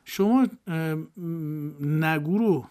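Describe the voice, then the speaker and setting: A man's voice: a little high, darkish tone. A man discussing recitation with his teacher, asking questions and trying words aloud. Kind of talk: lesson discussion.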